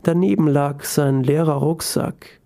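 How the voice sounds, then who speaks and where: Gravelly man reading a story. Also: a little high, a little slow, warm tone. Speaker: narrator. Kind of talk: scripted story narration.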